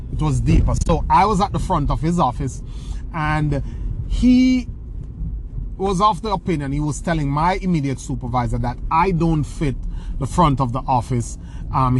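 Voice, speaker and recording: Over poor audio with a bit of hiss or hum, a fairly high-pitched man from rural Jamaica gives a motivational talk in reply to a question. He tells stories in his Jamaican accent, often restarting and repeating words.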